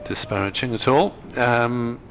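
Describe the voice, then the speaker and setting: A man giving live cricket commentary in a measured, hesitant, dryly humorous manner. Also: mid-range voice, fairly bright tone, a little hiss or hum.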